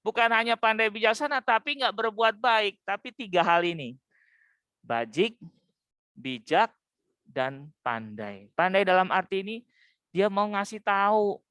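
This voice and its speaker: A middle-aged man, giving a lively, humorous sermon with folksy asides. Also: high-pitched, measured pace, clear, resonant tone, no echo, studio quality. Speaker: Buddhist Dhamma speaker.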